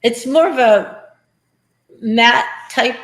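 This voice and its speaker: Slow-talking woman in an echoey room. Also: a little high. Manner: playful, laughs easily. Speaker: guest. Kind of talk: casual chat on a live stream.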